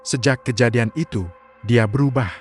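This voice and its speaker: A man, narrating a scripted horror story in a slow, hushed, suspenseful way. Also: medium pitch. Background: faint music.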